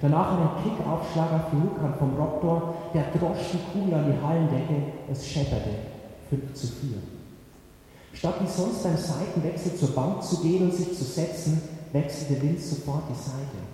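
A man's voice: fairly high pitch, normal speed, warm tone. A man narrating a first-person story for an audiobook in a wry, conversational way. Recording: echoey hall with faint hiss.

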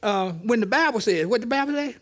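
A man's voice: very high voice, animated, a little fast. A man, a pastor, teaching interactively in a church, stammering and repeating "okay" as he draws answers from the congregation. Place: church sanctuary.

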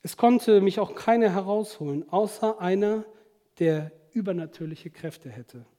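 A man's voice: high-pitched, expressive, unhurried, mellow. A man preaching a fervent sermon, addressing his congregation directly.

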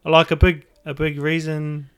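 A man's voice: on the high side, completely flat delivery, measured pace, a bit bright, smooth. A man from New Zealand with a Māori English accent hosts a casual podcast, speaking in loose, hesitant phrases. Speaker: podcast host.

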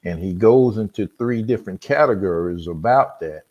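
A man's voice: lowish voice, lively intonation, normal speed, darkish tone, highs cut off. A man hosting a casual Bible discussion, teaching in a conversational way. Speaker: podcast host.

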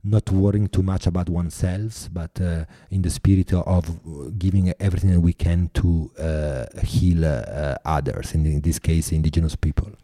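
A man with an Italian accent, a filmmaker and activist giving earnest, halting interview answers full of restarts. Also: low voice, steady tone, warm tone, no room sound, clean studio sound. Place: New York.

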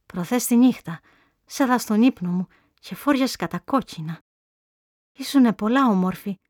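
A woman's voice: on the high side, a little mellow, no echo, clean studio sound. A woman voicing an anxious older mother who eagerly tells her sick daughter a hopeful dream.

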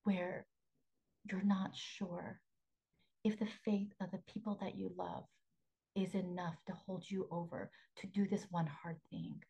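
A woman hosting a faith podcast as a spiritual coach, talking earnestly, repeating phrases for emphasis and often sinking into a soft half-whisper. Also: fairly low pitch, flat delivery, unhurried, creaky, husky, low-quality recording.

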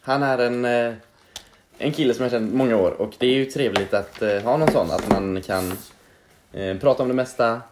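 A man's voice: medium pitch, roomy sound, very noisy. A young man chatting casually as a podcast co-host, hesitant and thinking aloud as he talks. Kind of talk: casual chat.

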